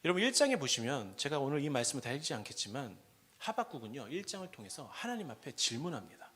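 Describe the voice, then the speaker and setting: A man preaching a sermon at a prayer meeting, asking the congregation questions and swinging between quiet asides and loud, impassioned cries. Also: mid-range voice, sing-song, fast, breathy edge.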